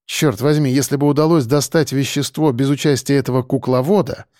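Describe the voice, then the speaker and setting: In a measured, even storytelling style, a man with a mid-range voice reads scripted audiobook narration. The recording is studio quality, with no room sound.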